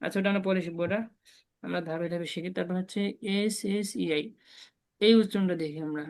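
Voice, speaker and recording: A woman's voice: on the low side, fairly even intonation, a little mellow. Patient woman teaching Chinese pronunciation. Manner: patient, slow repetitive drilling of sounds. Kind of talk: online language lesson with repetition drills.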